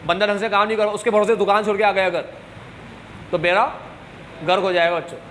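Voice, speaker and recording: A man's voice: sits high, steady tone, fast, a bit bright, slight background noise. A man teaching a commerce class to students, joking and scolding them now and then, with English terms mixed into his talk. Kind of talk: classroom lecture.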